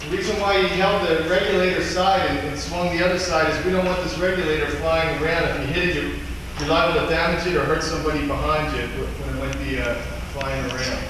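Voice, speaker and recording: A man's voice: on the high side, fairly even intonation, fairly quick, hardly any pauses. A man working as a fire company instructor, talking through a hands-on demonstration step by step in a plain, explanatory manner. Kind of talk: spoken step-by-step training demonstration. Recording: echoey, reverberant, distant mic, noisy background.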